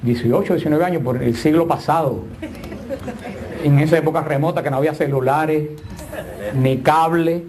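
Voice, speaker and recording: A man's voice: on the high side, moderate pace, long pauses, crowd noise. A middle-aged man preaching a sermon with emphatic, swinging delivery and joking asides.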